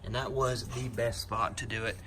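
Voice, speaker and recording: This DIY presenter has a medium-pitched, slightly bright voice, steady in tone and normal in speed. He works through an installation step by step in a pickup truck cab, unscripted, pointing details out, while the handheld recording carries vehicle noise.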